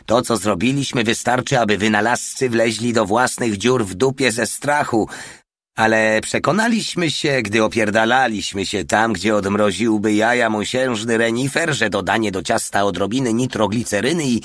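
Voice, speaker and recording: A man's voice: on the low side, moderate pace, fairly bright tone, no room sound, clean studio sound, lightly acted. A man voicing a brash, crude soldier who boasts gleefully in an audiobook reading. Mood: boastful. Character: brash jokey male soldier, grown man. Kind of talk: audiobook character voice.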